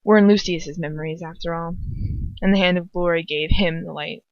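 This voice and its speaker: This amateur fan fiction reader has a fairly low voice with fairly even intonation, and she moves along fairly quickly. Her first-person storytelling is informal and self-interrupting, full of casual asides, captured as a dull lo-fi home recording with no echo.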